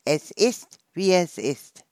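A pragmatic squirrel from a storybook, a little louder and firmer than the reader's normal voice, as the narrator puts it on. It talks in a brisk, no-nonsense way. The sound is dry and close. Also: mid-range voice, sing-song, no echo.

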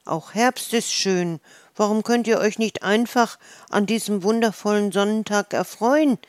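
Small squirrel, cheerful, curious, high-pitched, storybook, woman doing the voice, dry close sound. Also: expressive, a little slow, darkish tone, no room sound. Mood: exasperated. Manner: wondering, mildly puzzled.

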